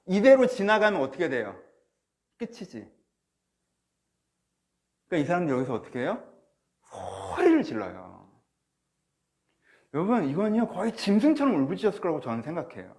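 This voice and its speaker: A man preaching a sermon as pastor of a church, animated, swinging from soft asides to loud cries. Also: sits high, moderate pace, pauses often. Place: church or small studio, online service.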